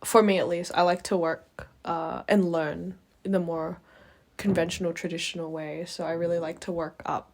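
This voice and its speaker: A woman's voice: on the low side, little pitch movement, moderate pace. A young woman guest on a podcast, enthusiastic and agreeable, thoughtful when explaining, with plenty of fillers. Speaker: guest, camera assistant. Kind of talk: casual interview chat.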